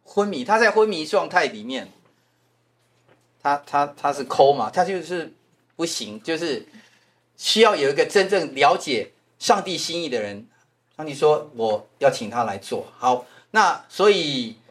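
A man with a Taiwanese Mandarin accent, a pastor teaching a Bible class in a lively lecturing way, repeating phrases and tagging sentences with "ha". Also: fairly high pitch. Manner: animated, repeats phrases, frequent "ha" tag fillers.

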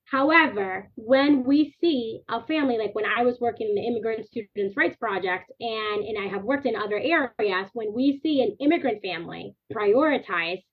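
A woman in her thirties who was raised in the Dominican Republic is a guest on a podcast interview, speaking earnestly and animatedly in long, linked clauses. Her slightly high voice has a breathy edge, and she talks at a normal speed with hardly any pauses. The audio sounds narrow and tinny, like a phone line.

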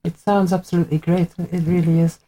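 A woman hosts a radio interview with a low, mellow voice. She asks short questions and encourages her guests to talk. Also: little pitch movement, a little fast. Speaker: radio show host. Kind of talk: friendly interview.

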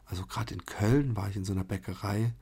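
Husky, low-voiced chatty man. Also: steady tone, fast talker, dark tone. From Germany. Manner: chatty and rambling, with many fillers and restarts. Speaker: podcast host. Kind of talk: casual monologue.

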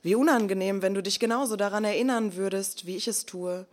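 A woman performing an intense, bitter spoken-word monologue, dropping to hushed near-whispers and then rising to loud, forceful bursts. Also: mid-range voice, a little fast. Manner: bitter, confrontational.

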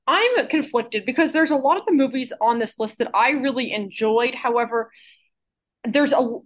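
A woman's voice: fairly high pitch, normal speed. A woman co-hosting a movie podcast, talking thoughtfully and hedging with likes and ums. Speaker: podcast co-host. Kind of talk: casual podcast chat.

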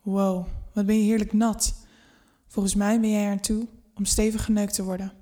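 A woman's voice: medium pitch, level tone, moderate pace, warm tone, lightly acted. A woman voicing a flirtatious boss in his forties. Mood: flirty.

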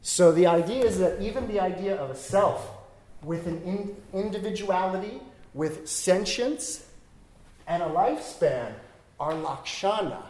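A man's voice: high voice, lively intonation, a little slow, a little mellow, reverberant. A man giving a dharma talk, explaining ideas step by step and thinking aloud, often checking in with "right?". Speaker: dharma teacher.

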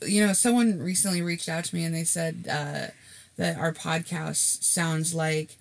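A woman's voice: deep voice, fairly even intonation, measured pace, vocal fry. A young woman co-hosting a podcast in casual, blunt and frank chat. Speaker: podcast co-host.

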